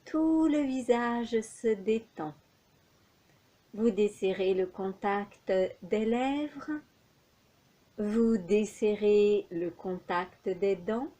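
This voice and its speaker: Leading yoga nidra as the instructor, a woman speaks in a mid-range voice. Her instructions come slowly and calmly, soothing in tone, with long pauses left between them.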